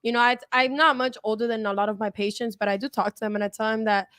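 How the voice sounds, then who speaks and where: A woman's voice: a little high, clean tone, dry recording, studio quality. A woman in her twenties, a guest on a casual podcast, talking frankly and with lots of swearing. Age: 20s. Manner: frank, fast and animated, swears freely.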